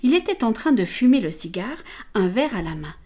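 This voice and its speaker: Female audiobook narrator; even, measured storytelling. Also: on the high side. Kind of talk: scripted narration.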